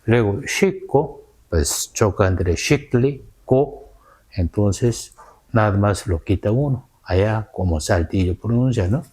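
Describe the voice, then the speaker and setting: A man from South Korea with a Korean accent, a scholar answering interview questions in halting, careful non-native Spanish, often adding "¿no?". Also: on the low side, lively intonation, darkish tone, husky.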